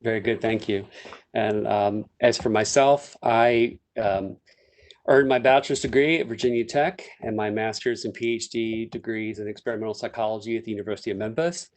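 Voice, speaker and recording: A man's voice: lowish voice, fairly even intonation, brisk. 50s guy moderating a panel, keeps things moving. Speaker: moderator, psychology professor.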